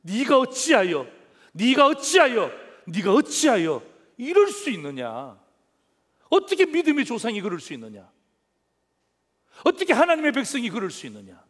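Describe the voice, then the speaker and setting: A man's voice: very high voice, huge pitch swings, moderate pace, voice pushed up, heavily acted. A man voicing an angry king who sharply rebukes a man with repeated accusing questions. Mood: rebuking. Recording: reverberant church hall, faint music.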